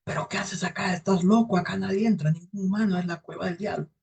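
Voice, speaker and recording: A sly old woman from a folktale, as a man narrator puts her on, pleading and coaxing in a husky, lifted voice. She sounds humble but crafty. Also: sits high, steady tone, fast, a little mellow, pitched above the performer's own voice, heavily acted. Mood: alarmed. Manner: pleading and coaxing, slightly raised voice. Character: cunning old woman, the devil's caretaker.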